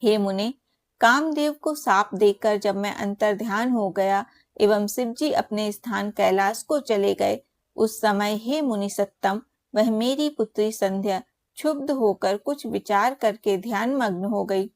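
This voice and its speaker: A woman voicing the creator god Brahma as a wise male elder, telling the tale in a solemn, measured way. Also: medium pitch, darkish tone, no room sound, studio quality, close to an everyday voice.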